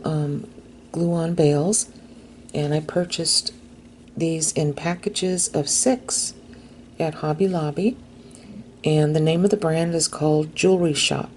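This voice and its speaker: Slow, low-voiced woman, gravelly and mellow. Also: a little hiss or hum. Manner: gentle, unhurried, dips into soft whispers while working. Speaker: craft tutorial host. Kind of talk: step-by-step craft instruction.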